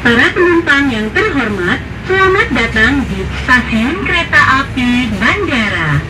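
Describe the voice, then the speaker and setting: A woman's high, lilting voice comes over a station public address loudspeaker, slow and measured in a formal announcing manner. It is heard from a distance through the speakers. Loud station noise surrounds it. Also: big pitch swings. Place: indoor rail station hall.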